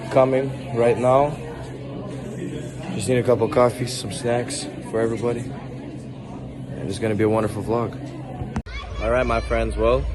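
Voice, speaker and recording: Slightly hoarse man vlogging. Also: mid-range voice, rough recording. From Russia. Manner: upbeat, rambling, swears casually. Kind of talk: casual walk-and-talk vlog. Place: outdoors on busy city streets and a marina.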